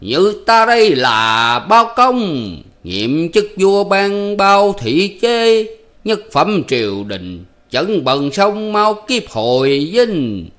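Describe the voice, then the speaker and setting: A man's voice: medium pitch, animated, normal speed, a bit bright, pitched above the performer's own voice, close to an everyday voice. A man voicing an old male theatre troupe manager who is jovial and commanding, with a theatrical, declaiming way of talking. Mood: stagey bellowing. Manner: theatrical, bellowing stage declamation.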